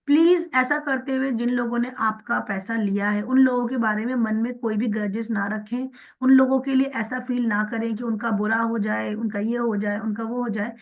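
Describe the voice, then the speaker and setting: A woman teaching a forgiveness prayer for money, mixing in English and slowly chanting the affirmations. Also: on the high side, fairly even intonation, dull audio. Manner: slow, soft repeated chanting of affirmations. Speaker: spiritual teacher. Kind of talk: guided prayer instruction.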